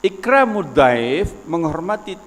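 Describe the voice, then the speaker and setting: A man's voice: fairly high pitch, sing-song, slow, long reverb tail. A man, giving a religious lecture in an explanatory, folksy way with personal stories. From West Sumatra, Indonesia. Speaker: Islamic preacher.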